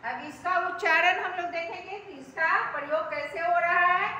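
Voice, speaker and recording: A woman teaching Hindi grammar in an online class, going over each step slowly and asking the students check questions. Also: very high-pitched, pushed and bright, distant mic, a little hiss or hum. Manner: slow, repetitive teaching with frequent check questions. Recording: echoey room, voice from off the mic, faint ambience.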